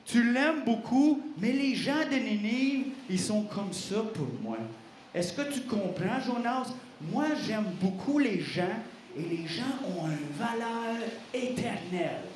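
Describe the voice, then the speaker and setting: Man doing a calm, patient God. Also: on the high side, voice pushed down. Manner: slow, soothing, gently firm. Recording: roomy hall, faint noise.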